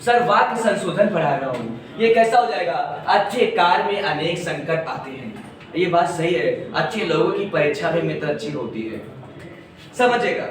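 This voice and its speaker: High pitched guy teaching hindi grammar, jokes around, sounds far from the mic in a boomy room with the class around. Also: normal speed, very echoey. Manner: joking, teasing students, lively recitation. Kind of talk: classroom lecture. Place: classroom with students.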